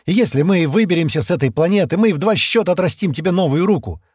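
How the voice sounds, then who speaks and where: A determined young man who gives firm, urgent orders in a forceful voice, as a male narrator acts him out. His speech is lively and emphatic. The read is close and dry. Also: mid-range voice, normal speed, slightly rough, no echo, pitched above the performer's own voice. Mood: urgent insistent. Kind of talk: audiobook character voicing.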